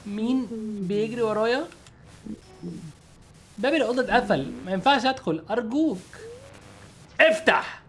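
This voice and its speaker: A man voicing a frightened young woman who begs, high-pitched and breathless, to be let in through a door, with an Egyptian Arabic accent. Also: lively intonation, normal speed, long pauses, slight background noise. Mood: pleading.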